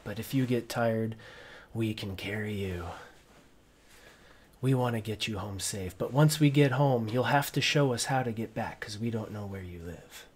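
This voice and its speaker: A man voicing a kindly, very old grandfather adventurer who speaks gently and reassuringly to children in a tabletop game. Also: medium pitch, breathy edge. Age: very old man, as played.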